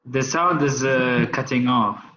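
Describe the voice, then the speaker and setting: A man's voice: mid-range voice, measured pace, bright, forceful tone, roomy sound. Hesitant male student on a call. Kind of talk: student speaking up in an online class. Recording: muffled call audio with faint noise.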